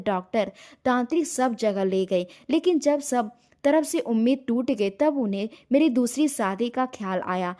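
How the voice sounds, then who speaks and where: Woman storyteller, highish voice, emotional story narration, does all the characters herself. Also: darkish tone. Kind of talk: scripted narration.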